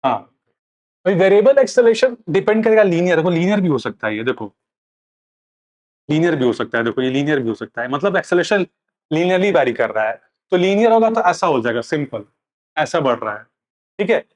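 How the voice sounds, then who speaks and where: A man's voice: a little high, big pitch swings, fairly quick. A man teaching a physics lesson, asking questions aloud and answering them himself, slipping English phrases into his explanation. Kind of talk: classroom lecture.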